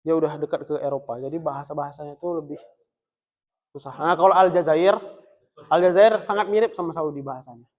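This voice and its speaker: Joking male teacher, slightly high voice. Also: fairly quick, highs cut off. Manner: relaxed, joking, chuckles often. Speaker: Islamic teacher teaching Arabic. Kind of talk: casual classroom lesson. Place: mosque study room.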